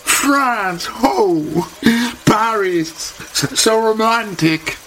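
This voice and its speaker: A woman's voice: fairly low pitch, expressive, a little slow, slight background noise, pitched above the performer's own voice. A man voicing a bubbly, chatty young American hairdresser woman who gushes and stammers slightly. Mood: gushing. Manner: gushing, effusive, stammers slightly.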